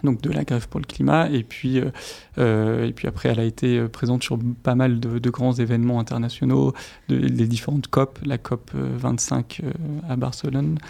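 A man's voice: medium pitch, little pitch movement, normal speed, vocal fry, dark tone. A man speaking as a researcher guest on a radio show, hesitant and full of fillers and restarts. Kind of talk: radio interview answers. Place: radio studio.

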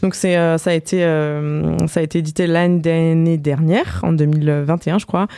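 A radio host chatting casually about books, relaxed and talkative with plenty of hesitations. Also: medium pitch, moderate pace, clean tone, no room sound. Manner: relaxed, chatty, many fillers. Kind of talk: casual radio book review chat. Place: radio studio.

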